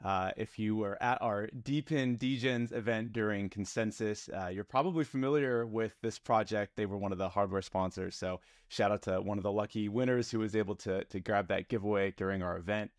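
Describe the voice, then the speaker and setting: A man's voice: fairly low pitch, fairly even intonation, a little fast, few pauses, dry recording, studio quality. A man hosting a podcast, introducing his guest in an upbeat, friendly way. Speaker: podcast host.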